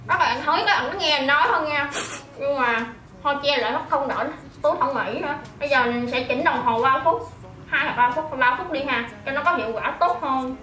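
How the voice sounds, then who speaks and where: A woman's voice: high-pitched, quick pace, sharp tone. A woman reviewing a beauty product in a casual vlog, talking with a toothbrush in her mouth and thinking aloud. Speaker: beauty vlogger. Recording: echoey room.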